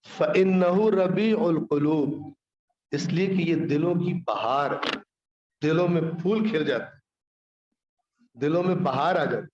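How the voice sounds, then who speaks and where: A man's voice: on the high side, lively intonation, unhurried, long pauses, roomy sound, dull audio. A man preaching a sermon on the Quran, scolding his listeners with rhetorical questions and quoting Arabic verses. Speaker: Islamic scholar preaching.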